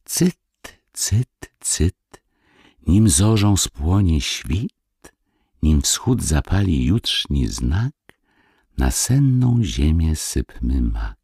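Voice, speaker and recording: A man's voice: rumbling low, sing-song, warm tone, husky, no room sound, clean studio sound, heavily acted. A man chanting as whispering tiny dwarves. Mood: hushed chant. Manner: whispered lilting chant, slow and rhythmic. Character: chorus of tiny dancing dwarves, hushed and magical.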